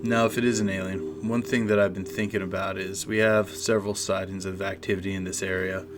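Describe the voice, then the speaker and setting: A man co-hosting a paranormal discussion, talking through folklore theories in a measured, speculative way. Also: sits low, little pitch movement. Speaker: podcast co-host. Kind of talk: conversational analysis of folklore and the paranormal. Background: clear music.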